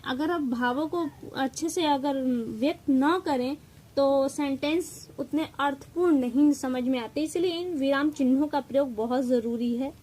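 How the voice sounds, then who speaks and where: A woman teacher with a Hindi accent gives an exam-prep grammar lesson, explaining things step by step, stressing key terms, and mixing in English words. Her voice is high and a little mellow, and the audio is poor.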